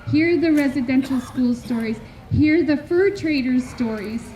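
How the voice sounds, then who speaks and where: A woman from Canada giving a heartfelt public address at a community memorial gathering, speaking slowly and earnestly with measured pauses between phrases. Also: sits high, warm tone. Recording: dull lo-fi recording with faint background noise.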